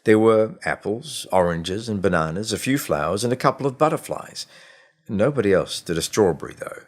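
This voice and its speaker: His voice sits on the low side as he reads a short story for a scripted audiobook. The narration is measured and expressive, marked by deliberate pauses.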